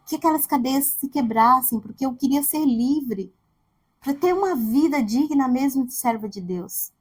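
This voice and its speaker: Woman preacher, sermon, higher-pitched voice, acts out voices in her stories. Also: darkish tone. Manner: storytelling, acts out quoted voices.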